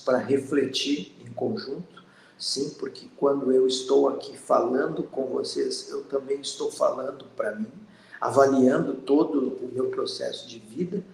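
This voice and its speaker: A man in his fifties from Brazil, hosting a spiritual channel and giving a slow, earnest, reflective monologue. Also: medium pitch, vocal fry, reverberant, a little hiss or hum, low-quality recording. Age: 50s. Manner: slow, pausing, earnest and introspective.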